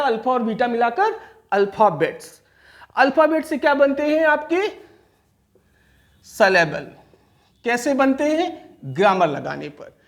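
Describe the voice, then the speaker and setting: A male teacher gives a classroom-style grammar lesson. His pitch rises and falls animatedly, and he slows down to stretch out key terms. He keeps putting questions to the class and then answering them himself. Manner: explains step by step, poses and answers his own questions. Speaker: English teacher.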